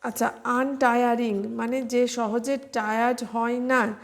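A woman teaching English vocabulary for exams in an online lesson, spelling words out letter by letter and pausing with "ah". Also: a little high, level tone, gravelly. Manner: slow, spells words letter by letter, fills pauses with "ah".

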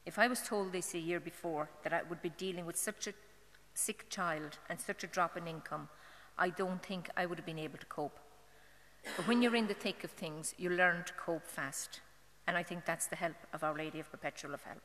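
A middle-aged Irish woman giving a personal testimony as a mother at a parish novena, earnest and halting, with fillers and restarts. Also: on the low side, a bit bright. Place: church. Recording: long church hall reverb.

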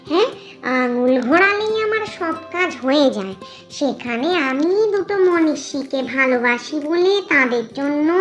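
A woman voicing a sharp-tongued, fed-up female ghost servant in a cartoon story, grumbling and scolding in rustic speech. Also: high-pitched, dull audio.

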